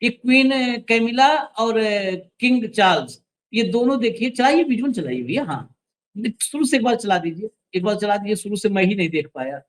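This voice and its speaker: A man's voice: high-pitched, lively intonation, moderate pace, poor audio. A man hosting an opinionated news commentary show, speaking in a sarcastic, emphatic way and directing the crew to roll clips.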